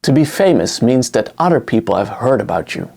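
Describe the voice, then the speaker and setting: A history lecturer, a native Dutch speaker with a Dutch accent, narrates a scripted history lesson. His medium-pitched voice is fairly quick with vocal fry, and his explanatory delivery has lively intonation.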